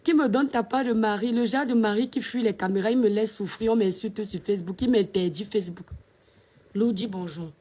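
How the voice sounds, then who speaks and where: A woman chatting casually to her followers in a live video from her bedroom, animated and sometimes speaking softly. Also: medium pitch, brisk, far from the mic. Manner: chatty and animated, addresses viewers as her stars; speaks softly at times so as not to disturb her husband. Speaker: social media vlogger. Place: bedroom at home, indoors. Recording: roomy echo, voice a bit off-mic.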